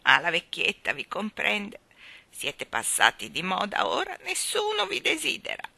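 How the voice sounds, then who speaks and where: A woman's voice: medium pitch, huge pitch swings, vocal fry, no room sound, full character voice. A woman reading aloud and voicing a fond, trembling old woman who sells balloons, stretching her words in a sing-song way. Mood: doting, wistful. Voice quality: quavering, tremulous voice. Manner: drawn-out, sing-song, loud endearments.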